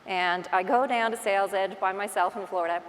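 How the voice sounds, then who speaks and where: A woman's voice: medium pitch, brisk, slight background noise. A woman with a Newfoundland accent giving an informal, self-deprecating motivational talk as a conference speaker, telling stories with acted-out asides. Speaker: real estate agent and conference speaker. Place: large indoor conference hall. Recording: long hall reverb from stage.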